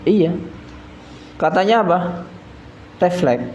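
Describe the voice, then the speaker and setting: A man teaches a religious study circle in a homely, joking tone, his voice sitting a bit high. The prayer hall rings around him, with a faint hiss underneath. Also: animated, slow pace, a little mellow. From East Java, Indonesia. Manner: folksy, keeps addressing listeners as sir, chuckles at own jokes. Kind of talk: mosque study sermon.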